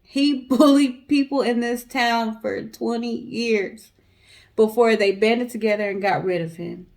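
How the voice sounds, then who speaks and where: Her voice sits on the high side yet sounds gravelly and darkish, with fairly even intonation and a measured pace. This American co-host tells true crime stories conversationally, using colloquial speech and addressing the audience directly.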